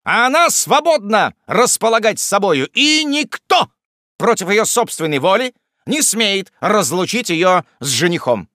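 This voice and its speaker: A brash, insolent young rogue from a storybook, put on by a male reader. He talks defiantly in a lively, raised voice, recorded close and dry. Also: a little high, fairly quick, no room sound, voice pushed up. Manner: bold, defiant, commanding.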